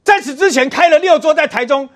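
A man with a Taiwanese accent commenting on politics on a talk show, animated and scolding, firing rhetorical questions. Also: very high voice, brisk.

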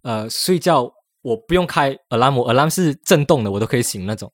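A man telling a story in casual podcast chat. He is animated, often laughs, and drops English words into his talk. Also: medium pitch, fairly quick, no room sound, studio quality. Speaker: podcast co-host.

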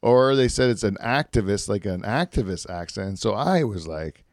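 A man's voice: lowish voice, expressive, normal speed, no room sound, studio quality. A man hosting a podcast in casual chat, rambling and laughing as he tells stories. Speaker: podcast host.

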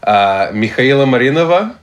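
A man's voice: mid-range voice, very animated, moderate pace. A man hosting a casual podcast interview, asking rambling questions with stumbles and restarts. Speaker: podcast host.

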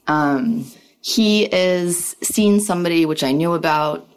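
A woman leaving a personal voice message as a listener with a question, talking in a halting, reflective way. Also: rumbling low, vocal fry, darkish tone.

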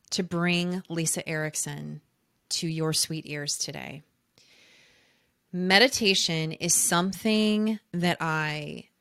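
Speaking in a lowish voice with a sharp, clean tone, this woman introduces her love coaching podcast and plugs it. Her delivery is gushing and intimate, aimed straight at her listeners, with emphasis landing on key words.

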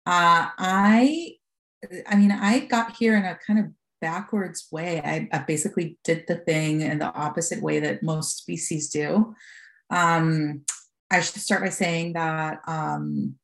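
A Costa Rican woman in her forties, founder of a fund, tells her story as a podcast interview guest, candid and full of fillers. Her deep, gravelly voice is steady in tone and slow in pace.

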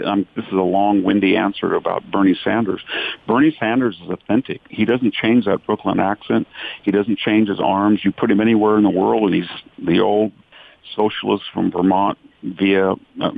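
A man's voice: fairly low pitch, vocal fry, no echo. A man giving a long-winded, emphatic answer in a remote radio interview, speaking from central California. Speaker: political commentator. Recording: dry tinny phone line.

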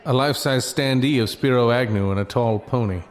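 A man playing a dim-witted private detective who narrates his misadventures deadpan, in a comedy audio drama. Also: mid-range voice, fairly quick, close to an everyday voice. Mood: wry, matter-of-fact. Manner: deadpan, matter-of-fact. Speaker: narrator and lead character. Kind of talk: scripted comedic noir narration.

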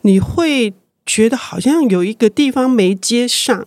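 An older woman, a publisher, speaking as a guest in a reflective interview, thoughtful and growing lively when excited. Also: fairly high pitch, measured pace, no echo.

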